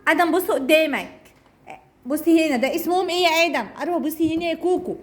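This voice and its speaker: High-pitched Egyptian woman teaching children. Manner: encouraging, praising children often; slow drawn-out repetition of target words. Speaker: speech therapist teaching young children. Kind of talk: interactive children's lesson. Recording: noisy room recording.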